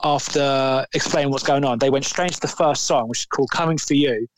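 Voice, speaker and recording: A man's voice: medium pitch, fairly quick, slight background noise. A man, co-hosting a podcast and telling a long, rambling story in casual chat, swearing now and then. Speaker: podcast co-host.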